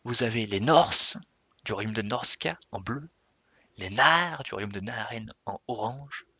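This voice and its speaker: Gravelly bright-toned young French-speaking man. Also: lowish voice, animated, measured pace, no echo. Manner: rambling, self-correcting, laughs at himself. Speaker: Minecraft server player introducing himself. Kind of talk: unscripted casual vlog talk.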